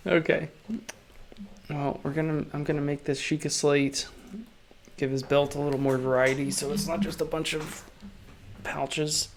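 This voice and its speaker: A man live-streaming while he draws, chatting casually in a monotone because of a sore throat. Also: fairly high pitch, moderate pace, pauses often, slight background noise. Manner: monotone delivery. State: sore throat, resting his voice. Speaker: illustrator live-streaming his drawing.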